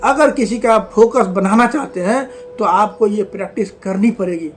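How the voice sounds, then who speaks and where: A man's voice: high voice, normal speed. A man giving a motivational lesson on communication, talking emphatically, repeating his points and calling his viewers friends. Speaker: communication skills coach.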